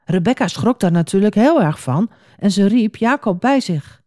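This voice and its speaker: A woman narrating a children's Bible story in an animated, expressive voice. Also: medium pitch, normal speed, no echo, clean studio sound.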